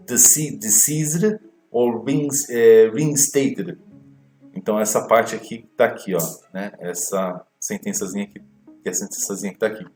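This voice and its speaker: A man teaching an exam walkthrough lesson, explaining slowly and repeating words to model their pronunciation. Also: mid-range voice, warm tone, echoey room. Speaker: English teacher.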